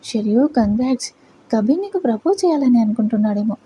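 A woman's voice: fairly high pitch, lively intonation, fast, mellow, slight background noise, natural voice, rough recording. A woman voicing a blunt young female employee who snaps in exasperation. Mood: teasing. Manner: snappy, exasperated.

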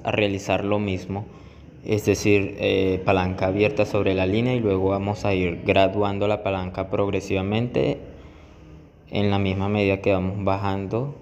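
In an instructional voice-over, a low-voiced barber walks through a haircut technique step by step, speaking at a moderate pace in a flat, even way. The dull audio rings with room echo and has clear background noise.

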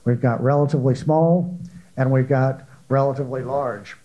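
A man's voice: mid-range voice, steady tone, moderate pace, muffled recording. An older man moderating a panel discussion in a conference hall, speaking into a handheld mic in a conversational way with frequent fillers.

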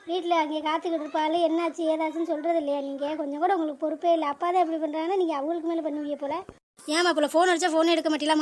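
A woman voicing an anxious young wife and mother in an animated cartoon, scolding and urgent. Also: sits high, slight background noise, natural voice.

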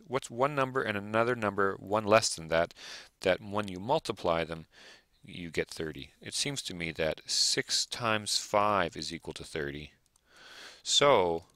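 A male math teacher working through examples aloud, thinking out loud and checking in with rhetorical questions. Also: fairly low pitch, dry recording. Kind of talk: recorded lecture over worked examples.

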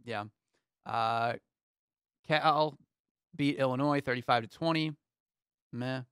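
A twentysomething co-host of a casual sports talk show speaks slowly, his medium-pitched voice smooth, as he gives a steady rundown of game scores littered with ums. He's recorded dry in a small foam-paneled studio through an arm-mounted studio mic, wearing headphones.

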